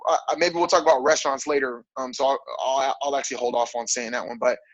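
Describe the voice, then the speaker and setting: A man in his thirties speaks in a relaxed, rambling way, dotting his talk with fillers and short laughs. His voice sits in an ordinary middle pitch. The recording is dry and slightly muffled. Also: fast, no room sound. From grew up on military bases overseas. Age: 30s. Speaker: fitness coach. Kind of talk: casual interview.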